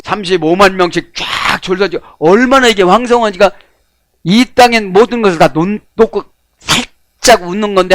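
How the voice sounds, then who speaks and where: A middle-aged man preaching a sermon, acting out prayers and cries in a folksy, animated way. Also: high voice, no echo. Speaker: pastor.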